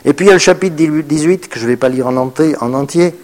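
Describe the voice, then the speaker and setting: Quick-paced and a little high, a man reads scripture aloud during a French sermon and comments on it. He hesitates, then shifts from loud, emphatic bursts down to murmured, quiet asides.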